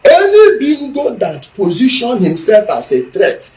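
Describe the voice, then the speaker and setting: A man's voice: high voice, huge pitch swings, unhurried. A Nigerian man speaking Nigerian Pidgin in a combative, defiant, emphatic way, ranting casually. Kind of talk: casual confrontational rant.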